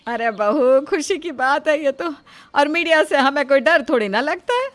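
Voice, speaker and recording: Woman doing a scolding older mother-in-law, rustic speech, highish voice, cartoon story. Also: expressive, normal speed. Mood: scornful. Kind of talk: animated story voice acting.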